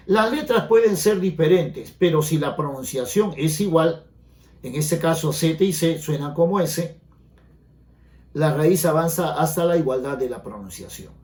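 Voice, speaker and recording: A man's voice: a little high, a little mellow, reverberant. A man teaching a grammar lesson for an entrance exam, explaining step by step and often checking in with his students. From Peru. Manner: explanatory, asks students frequent check questions.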